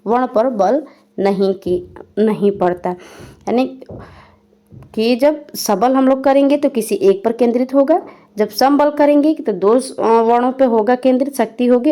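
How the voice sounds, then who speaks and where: Woman, young adult, grammar teacher, mellow tone, lists examples one by one. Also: fairly high pitch, measured pace. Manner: reads a definition, then re-explains it in plain words. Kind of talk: exam-prep grammar lesson.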